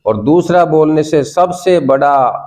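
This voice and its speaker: Man, Indian accent, English teacher, mellow tone, coaxing, repeats prompts. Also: fairly high pitch, lively intonation, takes it slowly. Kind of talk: classroom lesson.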